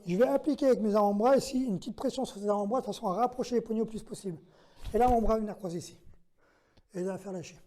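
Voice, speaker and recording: A man's voice: high voice, warm tone. A man instructing self-defense who walks through each move step by step, counts out the moves and gives short commands to a training partner. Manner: methodical, counts out moves and checks in with "d'accord?". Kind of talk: demonstration lesson.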